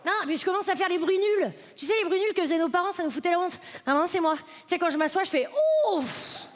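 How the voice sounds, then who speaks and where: With a little hiss or hum on the recording, a woman in her late twenties races through a stand-up set at a comedy festival. Her very high-pitched voice carries a chatty, self-mocking tone aimed right at the live crowd.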